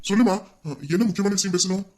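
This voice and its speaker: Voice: mid-range voice, fairly even intonation, a little mellow, natural voice. A performer playing an older, fatherly widower who soothes a young woman and confesses with grief, in an audio drama. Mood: overjoyed. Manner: soothing, pleading, slowing into grief. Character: older man, doting fatherly widower, guilt-ridden. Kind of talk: Tamil audio drama acting.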